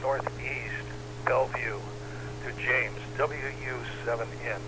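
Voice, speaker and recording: Net control, man, slow measured call-outs through a static-laden radio link, sounds far off. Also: medium pitch, fairly even intonation. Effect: radio transmission under static hiss. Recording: distant radio audio with loud static.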